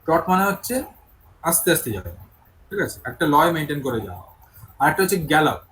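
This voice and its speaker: Bengali-accented male English tutor, slightly high voice, patient and corrective, faint noise behind. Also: sing-song, fast, a bit bright, poor audio. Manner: patient, corrects pronunciation step by step. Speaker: English teacher. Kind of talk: online tutoring session.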